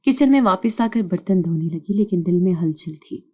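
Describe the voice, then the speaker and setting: A woman reads a first-person story in a calm, even storytelling voice. Her tone is dark and mellow. The delivery stays steady and scripted. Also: lowish voice.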